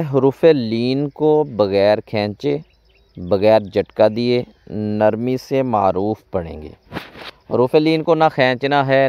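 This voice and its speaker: A man teaching Quran reading and tajweed rules. He spells out letters in slow, deliberate drills and repeats each rule in a question-and-answer form. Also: mid-range voice, smooth, dry recording, dull audio. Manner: recites in a raised, drawn-out chanting tone.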